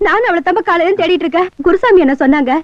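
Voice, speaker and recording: A woman's voice: very high voice, lively intonation, fast talker, dry recording. An actress playing an anxious young woman who urgently asks her father to go and look for someone. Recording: dull old film soundtrack with music.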